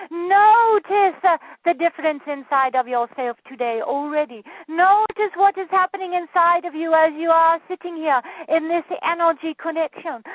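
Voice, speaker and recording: A woman's voice: very high-pitched, no echo, voice pushed up. A woman channeling a solemn spirit guide. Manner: solemn, incantatory, repetitive commands. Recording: tinny phone-line sound, dry.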